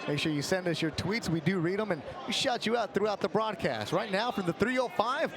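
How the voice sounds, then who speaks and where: A man's voice: high-pitched, animated, fairly quick. A man hosting live boxing commentary, building hype and stretching out the fighters' names. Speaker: boxing broadcast host and play-by-play commentator. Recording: loud venue noise behind commentary. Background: noisy fight venue.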